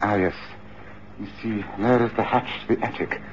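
An actor playing Sherlock Holmes, a calm, commanding detective who talks in a measured and gently reassuring way. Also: male voice, on the low side, a little hiss or hum, lightly acted. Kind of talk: radio drama acting. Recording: muffled radio drama recording.

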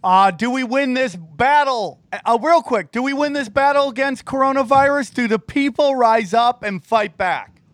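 A man's voice: very high-pitched, moderate pace, no echo. A man hosting an interview in a casual, informal and earnest way. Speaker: show host and interviewer.

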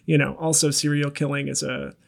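A man's voice: fairly high pitch, level tone, brisk, creaky. A man co-hosting a podcast, talking about a horror film in a wry, rambling way. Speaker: podcast co-host. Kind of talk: casual movie discussion.

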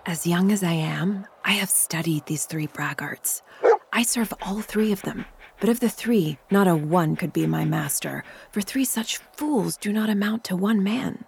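A woman playing a sharp young servant boy, mocking his masters in confiding asides, Shakespearean stage style. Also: lowish voice, unhurried, gravelly, noisy background. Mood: scornful.

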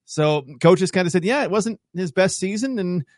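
A man talking football as a guest analyst on a radio show, in a quick, animated, chatty way. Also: sits high, no echo, clean studio sound. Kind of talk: casual sports talk.

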